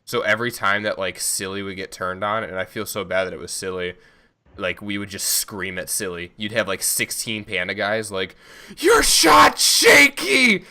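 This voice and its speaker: A man's voice: low-pitched, level tone, moderate pace, bright, forceful tone, slight background noise. A man co-hosting a gaming podcast, talking loosely and rambling through stories with laughs. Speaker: podcast co-host, competitive gamer. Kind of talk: casual chat.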